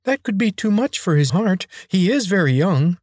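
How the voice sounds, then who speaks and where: Male narrator doing a shrill servant, fawning, high and loud, close and dry. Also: big pitch swings, normal speed, no echo.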